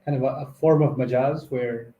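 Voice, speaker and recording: A man's voice: medium pitch, fairly even intonation, normal speed, echoey room, phone-quality sound, slight background noise. A man talking through translation choices in a casual scholarly discussion, thoughtful and explanatory, often correcting himself mid-sentence.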